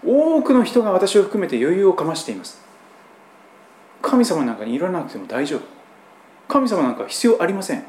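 A man from Japan, a pastor preaching a sermon in a conversational style with strong emphasis. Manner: conversational preaching with lively, pitch-swinging emphasis. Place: church sanctuary. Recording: roomy church hall echo, faint background hum.

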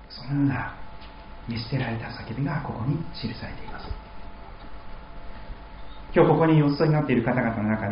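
Japanese pastor preaching in an echoey church. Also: male voice, mid-range voice, dull audio, a little hiss or hum. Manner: dramatic voicing of quoted speech. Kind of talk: sermon. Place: church hall.

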